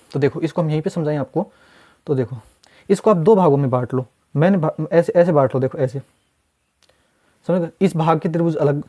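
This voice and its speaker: Man, slightly high voice, reasoning teacher, repetitive coaxing explanations. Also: dark tone. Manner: repetitive, coaxing, keeps asking "samjhe?". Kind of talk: solving mock test questions step by step.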